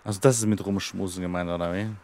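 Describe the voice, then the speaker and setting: A man's voice: sits low, fairly even intonation, fast talker, darkish tone, slight background noise. A man giving casual gameplay commentary and chatting to the characters on screen. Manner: chatty, talks to his game characters. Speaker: let's player.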